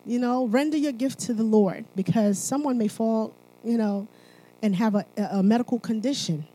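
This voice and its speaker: Poorly recorded, a woman from Haiti speaks at church in a slightly high, warm voice at a moderate pace. Her talk combines sermon and testimony, delivered emphatically and conversationally, and she keeps checking in with the congregation.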